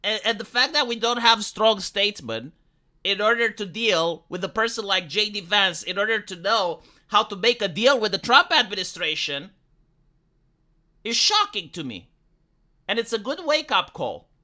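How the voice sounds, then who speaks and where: A man's voice: high voice, lively intonation, moderate pace, sharp tone. A man from Eastern Europe with a Romanian accent and a blunt, ranting manner, swearing freely in an opinion commentary vlog. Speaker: political commentator.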